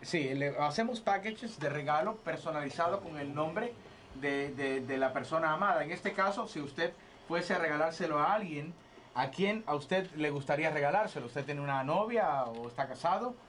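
A man playing an over-polite, hesitant chocolate salesman on a phone sales pitch, repeating himself. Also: moderate pace, fairly bright tone, close to an everyday voice. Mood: coaxing. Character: polite male chocolate salesman claiming to be French. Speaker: prank caller. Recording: noisy radio phone call.

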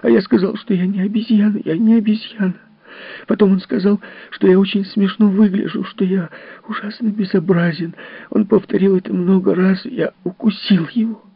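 A man voicing a frightened small boy who talks through tears in a soft, breathy voice. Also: sits high, steady tone, moderate pace, dry recording, voice pushed up. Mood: tearful pleading. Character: frightened crying small boy, timid and pleading. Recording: dull, dry audiobook recording.

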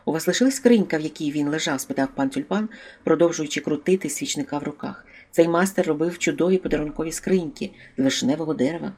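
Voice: mid-range voice, fast talker, close to an everyday voice. A narrator barking as a foul-mouthed thug. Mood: admiring. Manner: swears constantly, bursts out loudly. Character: loud, coarse, swearing male thug with a taste for fine art. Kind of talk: audiobook character voice.

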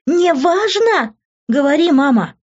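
A woman's voice: fairly high pitch, unhurried, mellow, muffled recording. A woman reading an audiobook voices a distraught young woman who is crying on the phone to her mother. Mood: hysterical. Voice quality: tearful, hysterical outbursts.

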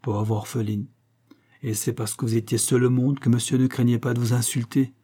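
A man voicing a vigorous noble stranger who speaks firmly and gravely. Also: medium pitch, fairly even intonation, moderate pace, dark tone, natural voice. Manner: firm, grave.

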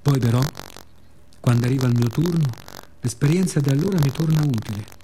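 A man from Rome, Italy, with a Roman Italian accent performs a scripted radio monologue, storytelling in a reflective, wry, conversational way and slipping into colloquial asides. His voice is medium-pitched and mellow, with slight background noise.

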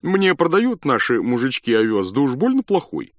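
A man's voice: mid-range voice, huge pitch swings, normal speed, no room sound, pitched above the performer's own voice. Man putting on a courteous country doctor, friendly, raised voice, dry close sound. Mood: polite. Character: polite country male doctor.

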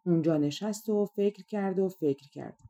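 A woman narrating a fairy tale audiobook in a calm, measured storytelling manner. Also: medium pitch.

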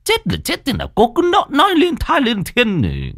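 A man's voice: very high voice, wildly swooping pitch, moderate pace, fairly bright tone, dry recording, studio quality, pitched above the performer's own voice, heavily acted. A man voicing a grumpy, half-deaf old village man in a storytelling reading, grumbling in disbelief. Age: older. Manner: grumbling, incredulous, cursing.

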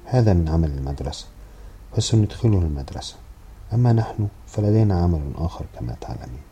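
An indifferent grown son who answers offhandedly, read by a man with a very low, very dark voice. He speaks in a storybook read aloud. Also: animated, fast, faint music behind. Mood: offhand.

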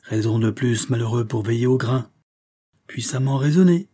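A man's voice: mid-range voice, moderate pace, warm tone, slightly rough, close to an everyday voice. A man reading aloud and voicing a provocative, mocking young male swindler in a storybook. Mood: taunting. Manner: provocative, taunting, cool.

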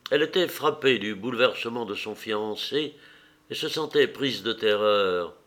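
A man reading a classic novel aloud as an audiobook narrator, measured and expressive. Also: on the low side. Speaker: audiobook reader.

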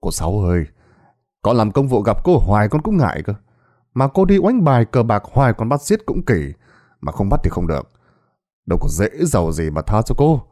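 Man doing a resigned young cop, low, dark and sighing. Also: big pitch swings, normal speed. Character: weary young male policeman, patient and resigned.

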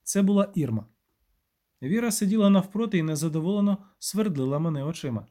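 A man narrating a first-person audiobook in a measured, wry way. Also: high-pitched, lively intonation, mellow.

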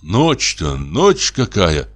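A man voicing a bold, impatient male hunter in an audiobook, gruff and commanding. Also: low voice, huge pitch swings, very slow, fairly bright tone, soft background music, heavily acted. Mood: tense. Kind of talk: audiobook reading.

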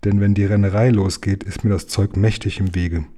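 A man's voice: lowish voice, steady tone, brisk, mellow, lightly acted. A man voicing a polite, eager young boy in a storybook reading. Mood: grateful. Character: polite grateful country boy.

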